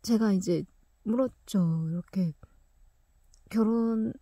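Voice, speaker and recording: A young woman tells a story from her own life in a casual, chatty way, laughing often and slipping into quiet whispered asides. Her voice is husky and mellow. She is recorded close up in a dry room. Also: medium pitch, a little slow, no echo.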